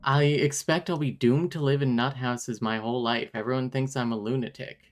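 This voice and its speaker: An earnest young boy in a game's asylum, warning the newcomer in a friendly and matter-of-fact way, as a man reads his lines. His lines are given plainly, close to an everyday voice at a middle pitch. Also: steady tone, brisk, natural voice.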